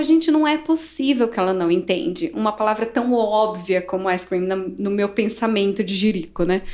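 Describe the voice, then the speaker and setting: Animated high-voiced Brazilian woman. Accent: Brazilian Portuguese. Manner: animated, laughs often, acts out dialogue. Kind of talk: casual storytelling.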